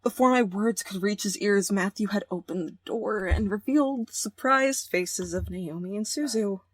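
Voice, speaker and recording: Husky and medium-pitched, this young woman speaks at a moderate pace on a dry recording. As a let's play host, she reads a romance game's story aloud and jokes around in slang along the way.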